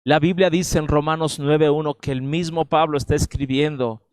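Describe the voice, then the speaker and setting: Emphatic Mexican pastor preaching. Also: male voice, fairly high pitch, steady tone, normal speed, clean tone, dry recording. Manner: emphatic preaching, addresses listeners directly with frequent "¿verdad?". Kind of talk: sermon.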